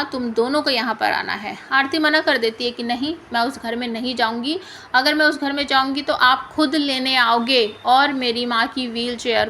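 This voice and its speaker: A woman narrating a plot recap in a steady storytelling manner. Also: on the high side, a little hiss or hum.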